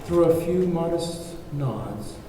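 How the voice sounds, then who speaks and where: Picked up from afar in an echoey room with noise behind him, a man reads the stage directions of a screenplay as narration at a table read. His pitch is fairly high, and he sounds lively but unhurried.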